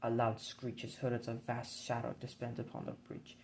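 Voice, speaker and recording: Man reading grim game narration flatly. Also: medium pitch, gravelly, a little hiss or hum, poor audio. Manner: measured, grim storybook reading. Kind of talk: scripted narration of a board game campaign.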